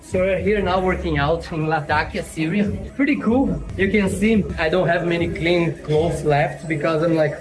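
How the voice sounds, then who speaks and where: Male travel vlogger, slightly high voice, eager and chatty. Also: normal speed, few pauses, music in the background, low-quality recording. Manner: enthusiastic, repeats "super", playful. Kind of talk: casual travel vlog chat. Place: outdoors in city streets and a gym.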